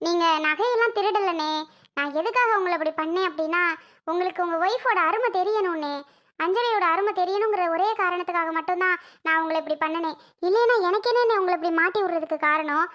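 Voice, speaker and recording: A woman's voice: very high voice, fast, fairly bright tone. A woman voicing a caring young sister-in-law in a cartoon, earnest and soothing.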